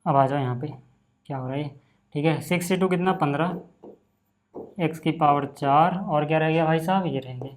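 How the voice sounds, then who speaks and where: A man teaching a maths lesson in a relaxed, chatty way, often saying "okay" and calling his students "brother". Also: a little high, normal speed, pauses often. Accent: Hindi. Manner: casual, repeats "ठीक है" and "भाई" often. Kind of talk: screen-recorded maths lesson.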